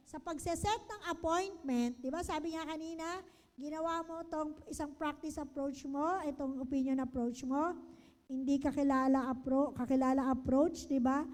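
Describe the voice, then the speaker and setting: A woman with a Filipino accent, lecturing a seminar on business approaches, lively and always checking in with the audience. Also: high voice, a little slow. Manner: lively, keeps asking the audience "di ba?" and "okay?". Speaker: business trainer. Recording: long hall reverb.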